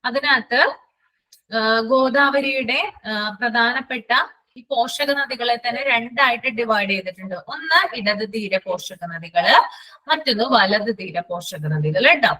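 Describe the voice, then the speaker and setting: A woman teacher, running a live online class and repeating lists slowly so students can write them down. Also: on the high side, sharp tone, low-quality recording.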